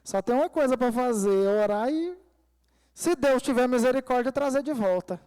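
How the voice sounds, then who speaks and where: A man's voice: very high-pitched, animated, moderate pace, darkish tone, clear, resonant tone. A male pastor preaching a sermon at a church service, telling a personal story and calling the congregation dear ones and brothers. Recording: long reverb of a church hall.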